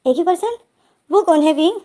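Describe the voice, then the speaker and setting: A woman's voice: very high-pitched, lively intonation, moderate pace, warm tone, pitched above the performer's own voice. A woman doing an eager, affectionate young man. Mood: curious.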